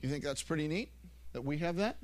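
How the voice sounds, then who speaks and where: A man with a high voice quoting a curious Russian school office lady in a lower, quieter tone. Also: animated, fairly quick, natural voice.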